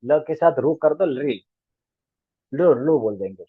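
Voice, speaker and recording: A man's voice: fairly high pitch, animated, normal speed, husky, no room sound. A man teaching a grammar class online, patiently spelling out letter sounds one at a time. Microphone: video call. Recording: tinny dry call audio.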